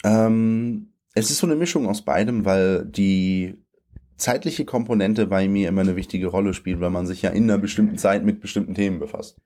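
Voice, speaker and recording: A German poet in his late twenties talks things through in an interview, thoughtful and searching, with lots of fillers and restarts. His voice is low and warm, at normal speed.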